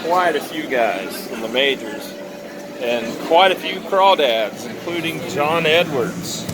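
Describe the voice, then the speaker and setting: A man's voice: a little high, animated, slow, very noisy. A man giving casual running commentary as a vlogger, recorded outdoors at a busy ballpark. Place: outdoors at a busy baseball stadium. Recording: outdoor ballpark, loud crowd and music. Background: loud crowd and music.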